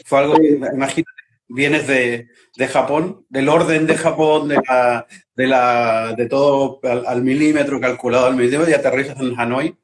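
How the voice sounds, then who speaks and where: A man's voice: medium pitch, steady tone, moderate pace, a little hiss or hum. Chilean-born man chatting on a video call. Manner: talkative, searching for words with many restarts. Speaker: guest. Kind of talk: casual video-call chat.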